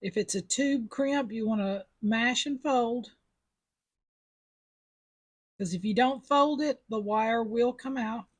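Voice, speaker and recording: Husky-voiced woman teaching beadwork. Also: a little high, slow, pauses often. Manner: chatty, step-by-step instructions. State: sucking a mint after coughing. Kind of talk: casual craft tutorial.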